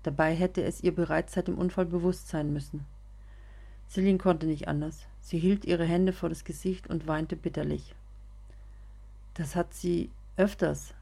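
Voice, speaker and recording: A woman narrating a serialized story in a steady, measured reading voice. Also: lowish voice, gravelly, husky.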